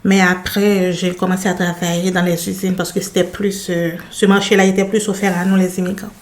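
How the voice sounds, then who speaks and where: A woman's voice: fairly low pitch, level tone, fairly quick. A woman from Haiti whose first language is Haitian Creole, speaking French with a Haitian accent mixed with Beauce Québécois features, answering interview questions in plain, short phrases. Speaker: interview guest. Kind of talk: conversational interview.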